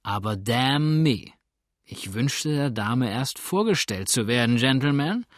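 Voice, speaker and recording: A man voicing a drunken, boastful young dandy who slurs his words slowly and swoops up high, tossing in French phrases. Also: lively intonation, no echo, studio quality, lightly acted. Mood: drunken mocking. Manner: slow slurred speech with wild high swoops, sprinkles French. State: drunk, slurring. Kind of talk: audiobook character voice.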